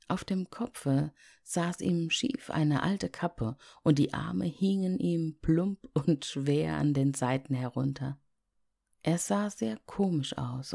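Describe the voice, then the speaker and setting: Low gravelly lady reading a fairy tale, slow and calm. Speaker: storyteller. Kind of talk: scripted fairy-tale narration.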